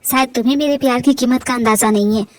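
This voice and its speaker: A woman doing a possessive rich young man in an amateur fan dub, bossy and threatening. She pushes her voice down well below her own high natural register to play him. The lines come out commanding and low for her. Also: fairly even intonation, fast talker, slight background noise, lightly acted.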